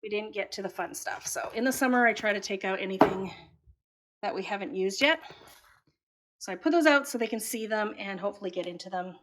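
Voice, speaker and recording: Chatty homeschooling mom on a home tour. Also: female voice, medium pitch, brisk. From Taiwan. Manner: relaxed, chatty, matter-of-fact. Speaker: homeschooling mother and channel host. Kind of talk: casual home tour vlog. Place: at home, indoors.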